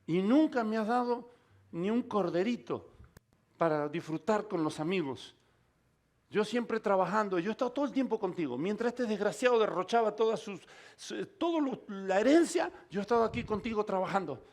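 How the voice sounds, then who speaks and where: A preacher voicing a sulky grown son. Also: male voice, high voice, animated, a little mellow. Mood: aggrieved. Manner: quick, aggrieved, repeating his grievance.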